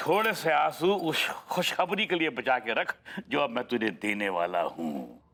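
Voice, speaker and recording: A man's voice: medium pitch, animated, measured pace, sharp tone, full character voice. An actor playing a boisterous, doting older father who tears up over his daughter and mocks his son-in-law, theatrical in delivery. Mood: fond. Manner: theatrical, swings from tearful to mocking. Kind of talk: sitcom acting.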